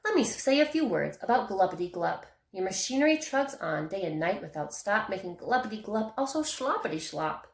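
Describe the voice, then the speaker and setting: A woman's voice: medium pitch, very animated, normal speed, vocal fry, few pauses. A woman voicing a small, grumpy male forest creature who scolds and complains, read aloud from a storybook. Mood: indignant. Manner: scolding, indignant. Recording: echoey room.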